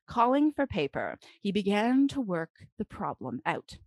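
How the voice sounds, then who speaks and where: A woman with a mid-range voice reads a children's storybook aloud dramatically, phrasing deliberately and pausing expressively. There is no echo.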